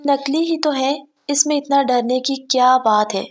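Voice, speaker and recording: Woman doing a catty jealous girl, cutting and scornful, bright high voice. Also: lightly acted. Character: spiteful jealous young woman.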